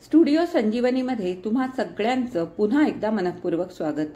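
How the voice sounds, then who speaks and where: A woman reading a novel aloud in a measured, expressive storytelling style with reflective pauses. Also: medium pitch. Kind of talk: storytelling narration.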